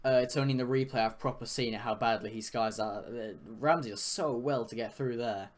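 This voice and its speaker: A young man talks through match highlights in a casual live reaction stream. He thinks out loud and rambles, speaking into a home streaming microphone at a mid-range pitch. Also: fairly quick. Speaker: fan reaction host. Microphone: computer microphone for live stream.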